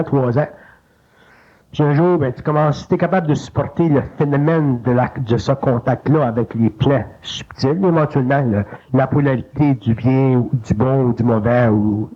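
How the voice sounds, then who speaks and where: Un homme à l'accent québécois qui enseigne d'un ton familier et animé, sa voix grimpant soudain pour imiter une petite voix intérieure. Son timbre est un peu voilé, sans éclat. L'enregistrement, tiré d'une vieille cassette numérisée, sonne étouffé et lo-fi. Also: male voice, breathy edge. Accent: Quebec French. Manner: colloquial, animated, jumps up in pitch to mimic an inner voice. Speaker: spiritual teacher. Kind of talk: informal spoken teaching. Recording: lo-fi digitized cassette tape.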